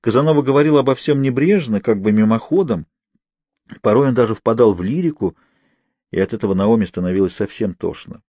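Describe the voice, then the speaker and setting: Dark-voiced male audiobook narrator. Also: mid-range voice, fairly quick, dry recording.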